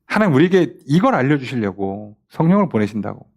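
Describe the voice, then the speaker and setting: A man's voice: medium pitch, big pitch swings, brisk. A man, a pastor, leading a casual Bible study and often asking his listeners rhetorical questions. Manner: casual, talkative, plays out quoted lines.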